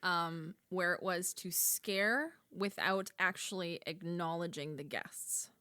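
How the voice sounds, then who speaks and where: A woman co-hosts a casual podcast chat, spinning animated stories and peppering them with "like." Her voice is bright and forward, and it sits dry and close with almost no room around it. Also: fairly low pitch, slow pace, no echo. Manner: animated storytelling full of "like". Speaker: podcast co-host, former haunted attraction actor.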